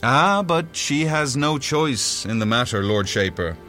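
An actor playing a suave, sly fae noble and courtly emissary, with a flippant, theatrical manner, in an audio drama. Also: male voice, medium pitch, lively intonation, measured pace, pushed and bright. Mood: smoothly courtly. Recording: music behind the voice.

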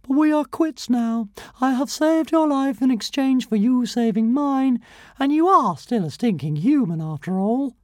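A woman voicing a tiny, boastful male nano dragon emperor with a high, grand, sing-song manner. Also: lively intonation, unhurried, mellow, no room sound, studio quality. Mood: mock sorrowful.

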